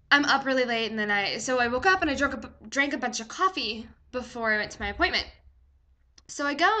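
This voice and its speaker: A young woman telling a story in a chatty, animated vlog, full of "like" fillers. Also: a little high. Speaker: vlogger.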